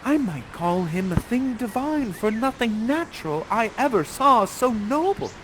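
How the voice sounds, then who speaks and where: A man's voice: very high voice, very animated, measured pace, fairly bright tone, a little hiss or hum, voice pushed up, heavily acted, low-quality recording. A man voicing a sheltered, curious young woman who speaks verse in a lilting, wondering way.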